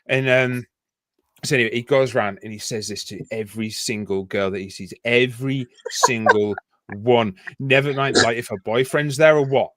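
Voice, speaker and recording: A man's voice: medium pitch, moderate pace, fairly bright tone. A man with a Yorkshire accent telling a long, rambling anecdote in casual chat, laughing and swearing often. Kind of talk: casual storytelling.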